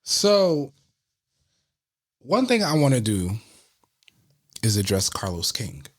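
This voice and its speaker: A man's voice: mid-range voice, wildly swooping pitch, no room sound, studio quality. A man co-hosting a casual gossip podcast, mostly agreeing and stumbling over his words as he starts a point. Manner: agreeable, halting, repeats words when starting. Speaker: podcast co-host. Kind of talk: casual reality-TV gossip chat.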